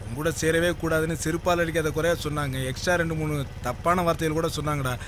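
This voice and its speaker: An actor playing a cocky, boastful young man who jokes and bosses others with brash shouts. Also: a little high, steady tone, fast talker, noisy background, natural voice. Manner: brash, joking, bossy shouts. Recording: film soundtrack with loud music.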